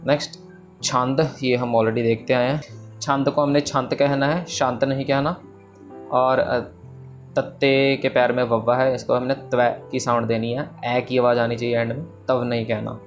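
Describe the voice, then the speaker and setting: A young man teaching scripture pronunciation over slides, patiently breaking words apart and repeating them slowly, with English words mixed in. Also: medium pitch, flat delivery, lo-fi sound, faint music behind. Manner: mixes English words into instruction.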